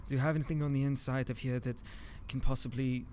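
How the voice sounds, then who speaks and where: A man's voice: medium pitch, steady tone, fast talker, a little mellow, a little hiss or hum. A man playing his character in a tabletop game, urgent and pleading, often stammering. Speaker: player. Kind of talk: in-character tabletop role-play.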